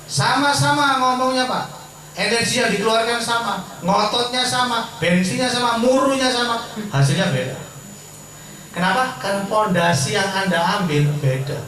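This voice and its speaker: A man's voice: extremely high pitch, moderate pace, bright, forceful tone, slight background noise. A man giving a persuasive sales seminar to a live audience, chatty and direct, asking the crowd questions and answering them himself. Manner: chatty and persuasive, keeps addressing listeners as "Pak". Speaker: business opportunity presenter. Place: large indoor seminar hall. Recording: very echoey hall, voice far from the mic.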